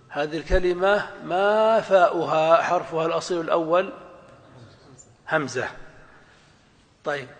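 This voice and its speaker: A man teaching a grammar lesson, explaining step by step and asking his students questions. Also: a little high. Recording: long hall reverb.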